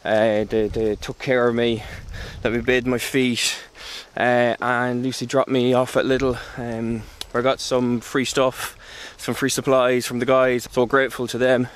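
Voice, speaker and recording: A man in his thirties vlogs while walking a trail outdoors, speaking to a handheld camera at arm's length. He has a clean, flat, medium-pitched voice at a measured pace with hardly any pauses, and his candid, casual talk is full of fillers and restarts.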